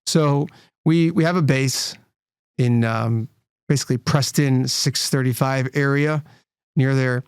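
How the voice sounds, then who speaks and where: A man's voice: medium pitch, fairly even intonation, a little slow, clean tone, no echo, clean studio sound. A man, a rabbi and nonprofit leader, speaking as a guest, earnest and explanatory, often restarting his phrases. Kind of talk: interview conversation.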